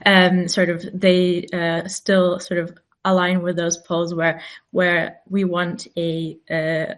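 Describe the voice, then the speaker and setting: A woman speaking on a video call, halting and pausing as she searches for her words. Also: lowish voice, flat delivery. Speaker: invited speaker, activist.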